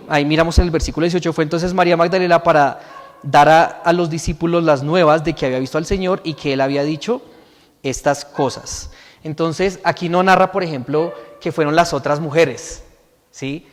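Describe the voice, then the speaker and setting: A man's voice: fairly high pitch, normal speed, in a large hall. A man preaching a sermon as pastor, reading scripture aloud and explaining it, often checking in with the congregation. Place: church hall.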